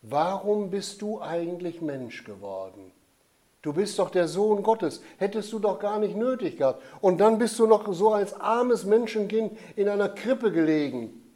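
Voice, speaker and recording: A man voicing an eager, excitable young boy in a storybook tale, getting high and loud when upset. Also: a little slow.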